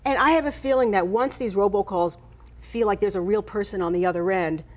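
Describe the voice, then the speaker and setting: A woman's voice: mid-range voice, fairly quick. A woman hosting a promotional interview, conversational and emphatic, speaking directly to her audience. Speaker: TV or radio host.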